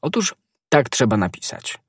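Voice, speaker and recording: A man's voice: mid-range voice, very animated, normal speed, husky, no echo, studio quality, heavily acted. D'Artagnan, a hot-headed young musketeer, voiced by a man. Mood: grim.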